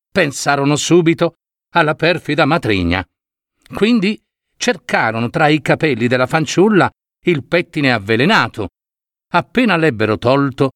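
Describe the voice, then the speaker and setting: A man reads a fairy tale aloud at a slow, unhurried pace. His pitch rises and falls expressively. The recording is dry and close. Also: fairly bright tone, dry recording. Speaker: storyteller.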